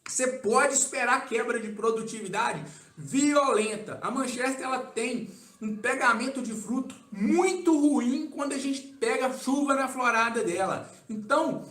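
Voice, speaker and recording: Man, Brazilian accent, very high-pitched, casual live Q&A, keeps saying "tá?", echoey room. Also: a little slow. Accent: Brazilian Portuguese. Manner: casual, relaxed, keeps adding "tá?" as a tag. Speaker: agronomy consultant answering viewer questions. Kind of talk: live-stream Q&A.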